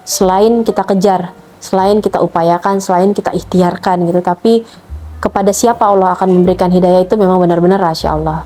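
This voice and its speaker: A woman's voice: fairly even intonation, fairly quick, warm tone. A middle-aged woman telling a personal testimony about her child, emotionally retelling events and acting out the dialogue. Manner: emotional retelling, acts out dialogue with rising pitch. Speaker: mother telling her conversion story.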